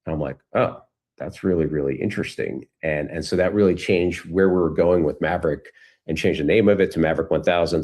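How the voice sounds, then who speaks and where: A middle-aged man, appearing as an interview guest, tells rambling stories in a casual, conversational way and often restarts his phrases. His voice is bass, a little mellow, with a breathy edge.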